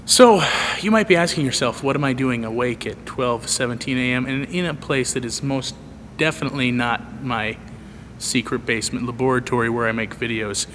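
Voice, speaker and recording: This man, a video producer and vlogger, gives a meandering tour of a big empty church auditorium after dark, cracking dry jokes at his own expense. His voice is medium-pitched and a bit bright, moving at a normal speed. It's recorded on the handheld camera's mic, so the vast hall echoes and background noise comes through clearly.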